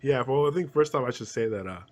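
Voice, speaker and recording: A man co-hosting a podcast in casual chat, with a congested, slightly hoarse voice from a cold, rambling with fillers and restarts. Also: medium pitch, lively intonation, quick pace, darkish tone. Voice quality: throat kinda hurts, slightly hoarse. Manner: rambling, many restarts and fillers, laughs often. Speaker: podcast co-host.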